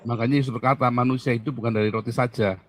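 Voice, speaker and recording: A man's voice: medium pitch, steady tone, rapid-fire, dry recording. Man teaching scripture with pointed questions. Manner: questioning, Socratic, emphatic. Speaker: pastor answering questions. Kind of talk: Bible Q&A teaching.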